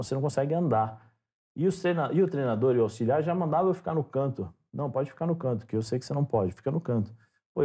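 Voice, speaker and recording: A Brazilian man tells stories casually on a podcast and acts out each line of dialogue. His voice is dark and mellow with a husky edge. The pitch sits in the middle. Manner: animated storyteller, acts out dialogue. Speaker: podcast guest, former footballer. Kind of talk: casual storytelling interview.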